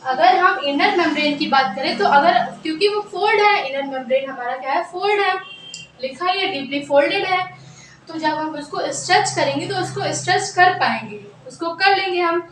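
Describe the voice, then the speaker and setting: High-voiced woman teaching in an echoey room. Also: lively intonation, moderate pace, a bit bright, a little hiss or hum. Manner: repeats key terms, asks and answers own questions; mixes in English phrases. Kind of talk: classroom biology lesson. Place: room with a board. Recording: echoey room, mic at a distance.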